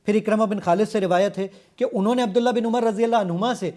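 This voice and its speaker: A man with a Pakistani Urdu accent demonstrating a software app step by step as a guest in a television studio. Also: sits high. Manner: eager, explanatory, walking through features step by step. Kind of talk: product demonstration on a TV show.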